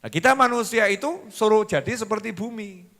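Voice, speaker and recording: Man, Javanese accent, sermon, lively storytelling preacher, bright tense voice, long hall reverb. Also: sits high, brisk. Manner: animated storytelling, acting out dialogue in shifting voices.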